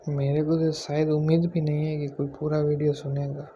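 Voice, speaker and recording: Soft-spoken man, flat delivery. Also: fairly high pitch, a little fast, highs cut off, slight background noise. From Gujarat, India. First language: Gujarati. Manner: speaks quietly on purpose, self-deprecating. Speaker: YouTuber. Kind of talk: casual vlog talk to camera.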